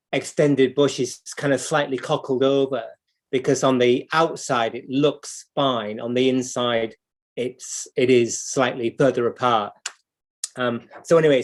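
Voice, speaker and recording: A man with a British accent talks at a medium pitch, thinking aloud as an instructor would. His delivery is unscripted and explanatory, like someone showing practical work step by step. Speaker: clock repair instructor and livestream host. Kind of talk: unscripted hands-on demonstration.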